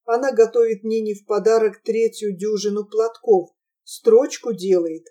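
A woman reading a novel aloud as an audiobook narrator, in an even, measured storytelling manner. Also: medium pitch. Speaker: audiobook reader.

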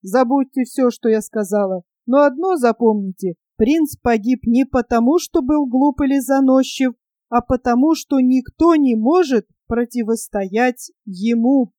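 Lady doing a gloomy bitter crow, sighs a lot, dark mellow voice, storybook. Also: a little high, a little slow, no echo, studio quality, close to an everyday voice. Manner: grim, sighing.

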